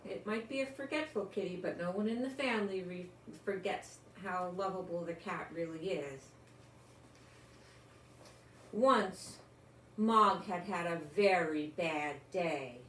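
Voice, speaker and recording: Her voice on the low side yet fairly bright, an older woman reads a picture book aloud at a measured pace, savoring words and chatting as if to small children. The home recording sounds roomy, with faint noise.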